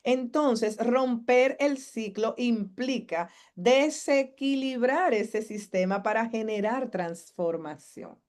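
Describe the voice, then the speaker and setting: Woman psychologist, lively teacher, questions the room, fairly high voice. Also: slow, few pauses. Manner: asks the audience questions and acts out family members' lines. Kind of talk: live masterclass talk.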